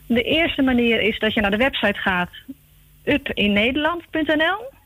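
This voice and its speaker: A woman heard over a telephone line, a guest explaining her group's work in a calm way with frequent pauses. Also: a little high, no room sound. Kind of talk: radio phone-in interview.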